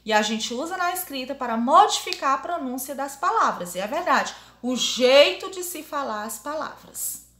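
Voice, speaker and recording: Lively, bright-voiced woman teacher. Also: sits high. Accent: Brazilian Portuguese. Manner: drills words aloud, repeating them slowly. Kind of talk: primary school grammar lesson. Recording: echoey room.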